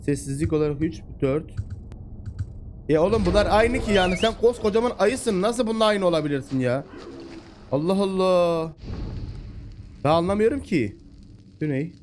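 A man narrates his gameplay in a fairly high, very animated voice, chatting excitably and calling out to the animals on screen. A steady hiss of background noise sits under the recording. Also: normal speed, long pauses. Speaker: gameplay commentator. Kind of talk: casual let's-play commentary.

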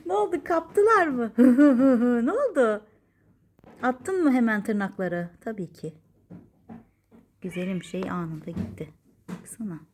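A woman's voice: fairly high pitch, animated, unhurried, long pauses, a little hiss or hum. A woman at home filming her cats on a phone, giving casual running commentary, laughing often and playfully cooing at and scolding them.

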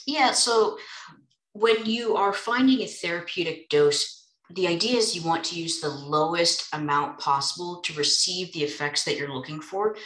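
A woman's voice: fairly low pitch, moderate pace, fairly bright tone, roomy sound, low-quality recording. A woman co-hosting a webinar as a nurse, explaining medical points in an upbeat way with some fillers. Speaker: nurse co-host.

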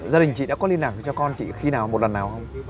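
A man's voice: mid-range voice, fast talker. A man from a volunteer search team interviewing a woman outdoors, formal and restating her answers back. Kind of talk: street interview. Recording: distant mic, loud crowd.

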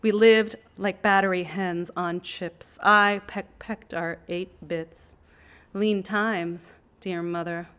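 A woman's voice: lowish voice, fairly even intonation, slow, a bit bright, smooth. A woman poet reading her own poetry aloud in a rhythmic, incantatory way.

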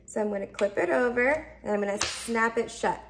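This product reviewer, a woman in her thirties, speaks briskly in a fairly high voice that often falls into vocal fry, with slight background noise present. She gives a casual, instructional demonstration in her home's open kitchen and dining room, keeping steps simple and repeating herself.

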